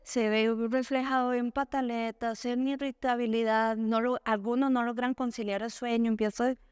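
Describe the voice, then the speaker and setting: A woman gives an educational talk to parents. She speaks in a fairly high, smooth, clear voice, asking the audience questions and answering them herself. The sound is dry and close. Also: level tone, normal speed, darkish tone, dry recording. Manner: acts out quoted parents and children in a higher voice.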